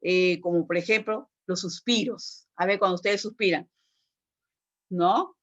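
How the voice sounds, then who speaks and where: A woman's voice: fairly low pitch, unhurried, fairly bright tone, dull audio. A woman teacher giving a recorded class lecture, explaining step by step and checking in with frequent "¿no?" tag questions and "este" fillers.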